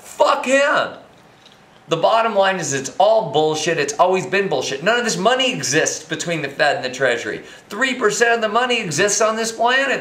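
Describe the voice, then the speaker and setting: High-pitched drunken American man ranting, echoey room. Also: bright, forceful tone. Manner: emphatic, indignant, heavy swearing. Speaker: financial commentator. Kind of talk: profane off-the-cuff rant to camera. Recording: echoey, roomy sound.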